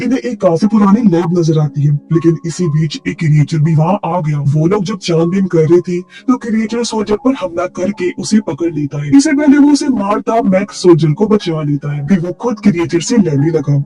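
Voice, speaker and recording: A man narrating a film recap in steady, scripted storytelling. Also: high voice, normal speed, few pauses, faint music behind.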